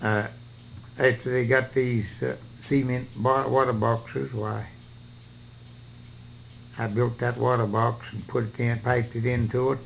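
A man's voice: medium pitch, flat delivery, a little slow, creaky, long pauses, slight background noise. An older man, chatting casually about farm life in folksy, ungrammatical country speech on a narrow, tinny recording. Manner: folksy rural speech with nonstandard grammar. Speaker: farmer being interviewed.

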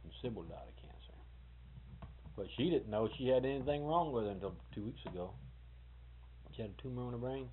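This is a casual oral history talk from a man in his 40s, his medium-pitched voice animated and a little fast, with frequent pauses. He rambles through family history, correcting himself in a folksy manner, and the old tape sounds tinny and hissy.

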